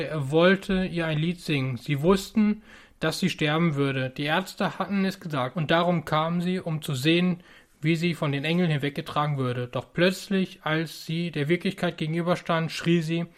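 A man preaches with earnest urgency, pressing warnings on his listeners. His voice sits a little high for a man, and he speaks in the measured cadence of a sermon.

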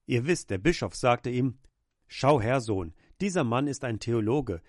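A man's voice: mid-range voice, expressive, unhurried, dry recording. Guy preaching a sermon all fired up, mid voice, dry close sound. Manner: fervent preaching, acts out quoted cries.

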